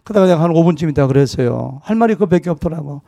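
A middle-aged man, a pastor preaching a sermon, telling a humorous personal story and acting out the dialogue with lively shifts of voice. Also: fairly high pitch, rapid-fire, creaky, no room sound. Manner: anecdotal and humorous, acting out dialogue in a wide-ranging voice.

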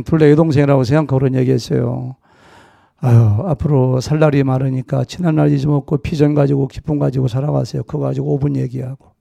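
A middle-aged man, a pastor preaching a sermon, telling a humorous personal story and acting out the dialogue with lively shifts of voice. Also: mid-range voice, vocal fry, dry recording. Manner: anecdotal and humorous, acting out dialogue in a wide-ranging voice.

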